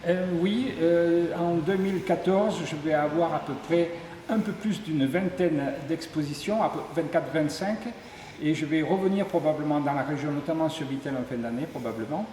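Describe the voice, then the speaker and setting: Speaking at a normal pace in a warm tone, a middle-aged man whose voice sits on the high side is interviewed about his work as a sculptor. He comes from Ardèche in southern France and is recorded inside an exhibition room at a tourist office, where the hall echoes and faint noise sits underneath.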